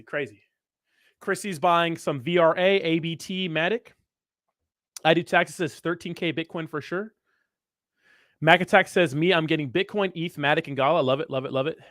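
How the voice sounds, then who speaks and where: A man's voice: on the high side, a bit bright, dry recording, clean studio sound. A man hosting a casual livestream, talking with hyped frat-bro slang and swagger. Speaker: crypto livestream host.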